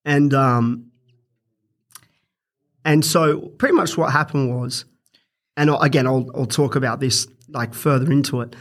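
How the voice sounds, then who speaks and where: A young man on a podcast, telling a story in a crude, casual way and swearing freely, getting animated as he goes. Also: mid-range voice, unhurried, long pauses. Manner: crude, swears a lot, animated when retelling stories. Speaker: podcast guest.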